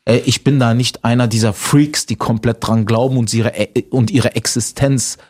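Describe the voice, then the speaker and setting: A man from Germany, a comedian chatting casually as an interview guest and telling stories with animated laughter. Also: mid-range voice, moderate pace, slightly rough.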